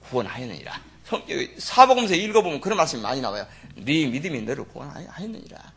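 A man preaching a sermon with a gravelly, husky voice that sounds bright and edgy. His pitch swings widely as he talks. He keeps turning to the congregation with folksy asides. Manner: animated, acts out Bible figures in dramatic voices. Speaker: pastor.

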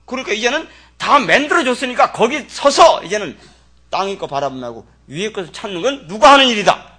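A man preaching a sermon in a colloquial way, firing rhetorical questions at the congregation and swinging between loud exclamations and low asides. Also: sing-song, fairly quick, slightly rough. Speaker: pastor.

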